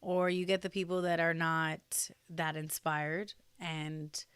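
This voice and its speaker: Young podcast guest from New Jersey, rambling and chatty, clear smooth tone. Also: female voice, deep voice, flat delivery, slow, fairly bright tone, dry recording. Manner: chatty, many fillers and restarts. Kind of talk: casual interview conversation.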